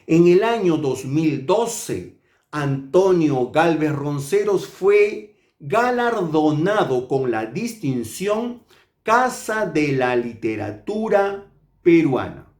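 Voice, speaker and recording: A man from Peru, a literature teacher, reviewing a book in a slow, measured and deliberate way. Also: on the high side, sing-song, darkish tone, reverberant.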